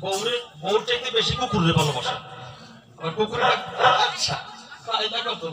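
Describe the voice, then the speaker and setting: A man's voice: high voice, lively intonation, normal speed. A man, a folk singer, telling jokes and quizzing a live audience in a chatty way before he sings. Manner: chatty, calls the audience "baba", quizzes them. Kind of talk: joking stage storytelling to a live crowd. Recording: echoey stage sound from far off, music behind.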